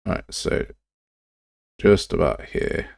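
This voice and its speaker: A man hosts a game development livestream, slowly and a little mellowly thinking aloud as he works, like a casual live tutorial. His talk rambles, stays informal, and pokes fun at himself. The studio sound is clean, with no room sound.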